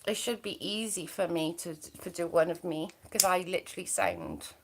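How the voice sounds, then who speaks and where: Against a noisy background, this Welsh livestream host chats gossipily and bubbly as she reads out comments from viewers. Her accent comes from near the English border, and her fairly low voice swings widely in pitch at a normal pace.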